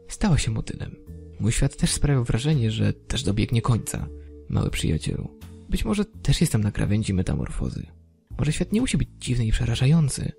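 A man narrating a horror story in a dry, deadpan manner. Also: mid-range voice, gravelly.

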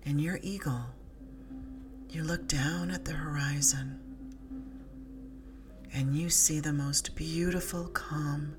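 A woman narrating a sleep story as a guided relaxation, in a soothing, hushed, breathy voice that often softens into a whisper. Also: deep voice, steady tone, noisy background. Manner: soothing, hushed, breathy delivery with soft whispery phrase endings. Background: slow music with drum beat.

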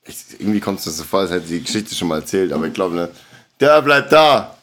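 A man's voice: low voice, big pitch swings, quick pace, a bit bright. A man, co-hosting a casual podcast, telling a story and laughing often. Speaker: podcast co-host.

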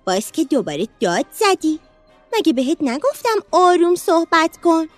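A brave, cheeky little girl voiced by a woman chirps her lines fast and bossy. Her very high voice bounces up and down. The storybook recording is dry, with soft music behind. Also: huge pitch swings, no echo, exaggerated voice. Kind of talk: children's storybook narration.

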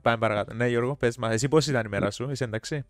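A man's voice: medium pitch, dry recording, clean studio sound. A man with a Cypriot Greek accent chatting casually as a podcast co-host. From Cyprus. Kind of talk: casual chat.

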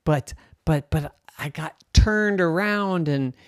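A man voicing a scared, confused little girl in a bedtime story, with a high, squeaky, flustered voice. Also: slow pace, no room sound, studio quality.

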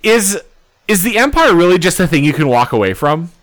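A man's voice: high voice, big pitch swings, brisk, fairly bright tone. A man co-hosting a casual movie review chat, recapping scenes in a laid-back way with fillers and casual swearing. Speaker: podcast co-host.

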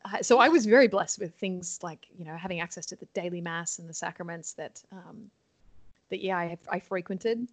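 In a relaxed interview, a young adult nun from Sydney chats brightly in her Australian accent, laughing often and filling pauses with um. She talks at normal speed in a fairly low pitch, with no room sound.

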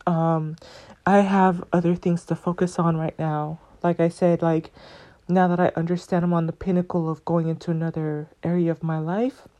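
A woman's voice: on the low side, mellow. A woman hosting her podcast alone, chatting in a playful, rambling way. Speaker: podcast host. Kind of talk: casual chat.

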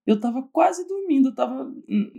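A woman recounts funny anecdotes to friends. She acts out what people said and swears casually. Her voice sits a bit high for a woman. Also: animated, moderate pace, gravelly, warm tone, slightly rough, highs cut off. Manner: storytelling with acted-out quotes and swearing. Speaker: friend chatting. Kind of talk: casual chat.

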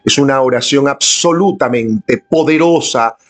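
A man's voice: mid-range voice, unhurried. A man leading a live-streamed devotional prayer, speaking earnestly and inviting his viewers to join in. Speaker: prayer leader. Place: indoors at home, filming on a camera.

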